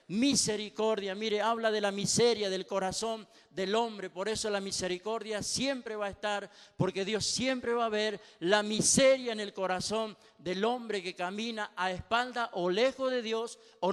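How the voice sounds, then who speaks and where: A male pastor delivers a sermon with a high, smooth, resonant voice that carries through a reverberant church hall. He stacks repeated phrases and builds steadily in fervor. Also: fairly bright tone.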